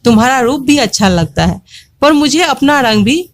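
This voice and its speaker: A woman voicing a patient, hardworking female honeybee in a storybook tale, calmly reasoning. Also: sits high, normal speed. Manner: calm, reasoning, polite.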